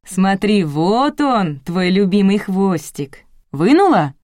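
A woman voicing a brisk, bossy older woman who runs the household, read in an audiobook. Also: medium pitch, very animated, a little mellow, no room sound, clean studio sound. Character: fussy elderly woman, house owner.

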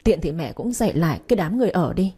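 A woman's voice: on the low side, big pitch swings, fast, warm tone, breathy edge. A woman voicing a wealthy young husband who speaks coldly and harshly, giving orders in a storybook reading. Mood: cold fury. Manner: harsh, commanding. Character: cold angry young husband, wealthy household heir.

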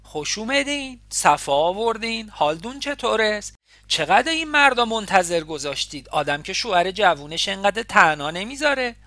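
A woman's voice: mid-range voice, sing-song, a bit bright, no echo, pitched above the performer's own voice. A woman voicing a talkative, nosy Isfahani neighbor in her forties, speaking with an Isfahani accent in a fussing, effusive way. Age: 40s.

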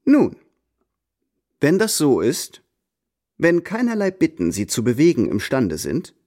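A man's voice: on the high side, wildly swooping pitch, a little slow, a little mellow, exaggerated voice. An actor playing a haughty, scheming French marquis in a radio drama, pompously slipping French phrases into his speech.

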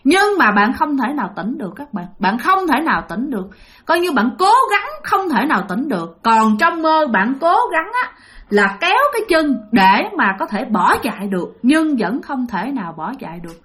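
A woman's voice: high-pitched, very animated, moderate pace, fairly bright tone. A woman telling a ghost story dramatically, speaking directly to her listeners. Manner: dramatic, addresses listeners directly, many exclamations.

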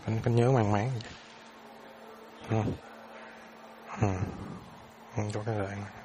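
A man leads a dharma class in a relaxed, halting way, often doubling back on his words. His voice sits on the low side. A faint hiss runs under it. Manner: hesitant, repeats words, relaxed. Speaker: dharma teacher. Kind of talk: classroom teaching with questions.

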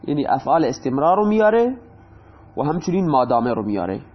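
A man's voice: on the high side, big pitch swings. A male teacher giving a grammar lesson, patiently repeating examples and asking questions that he then answers himself. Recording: dull lo-fi recording.

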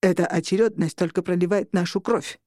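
A scheming male vampire lord pushes his case hard and shouts back when crossed, as a woman reading a story voices him. The recording is dry and close. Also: fairly low pitch, steady tone, brisk, no echo, lightly acted. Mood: insistent. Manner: insistent, shouting.

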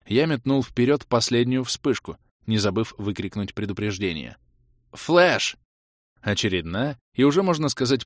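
A man narrating a fantasy adventure audiobook in the first person, lively and acting out the dialogue. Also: fairly low pitch, no room sound, clean studio sound. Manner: lively, acts out shouts and dialogue.

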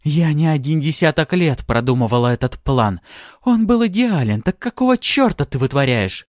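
A man's voice: mid-range voice, sing-song, moderate pace, a little mellow, no room sound, studio quality, pitched above the performer's own voice, close to an everyday voice. A man voicing a cruel, playful female succubus demon in an audiobook, taunting and sneering. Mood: furious. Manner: taunting, sing-song sneer. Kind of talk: audiobook character voice.

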